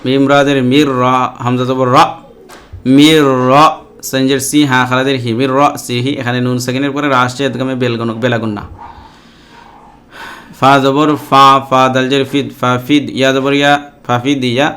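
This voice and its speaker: A man's voice: mid-range voice, level tone, a bit bright. A man teaching Quran reading, spelling each word letter by letter and briefly explaining the recitation rules. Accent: Bangladeshi Bengali. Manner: slow, measured letter-by-letter spelling with short rule explanations.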